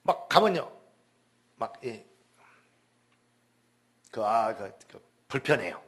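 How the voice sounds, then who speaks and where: A man's voice: medium pitch, very animated, takes it slowly, fairly bright tone, breathy edge. A man, a pastor, preaching a sermon testimony in an emphatic storytelling way, with exclamations and words repeated for stress.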